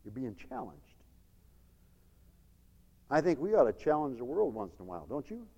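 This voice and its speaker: A man preaching a sermon as dramatic storytelling, acting out crowds and swinging from loud shouts to hushed asides. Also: fairly high pitch, sing-song, fast, dull audio. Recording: long hall reverb.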